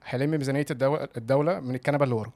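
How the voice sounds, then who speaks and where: Very quick Egyptian man delivering jokes. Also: medium pitch, darkish tone. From Alexandria. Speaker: comedy contestant telling one-liners. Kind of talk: joke delivery.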